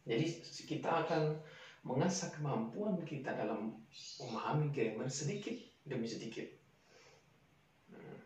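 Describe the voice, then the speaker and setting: A man's voice: medium pitch, distant mic. A man giving a casual spoken lesson, explaining step by step and sounding out example words again and again. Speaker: English teacher. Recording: echoey room, voice set back from the mic.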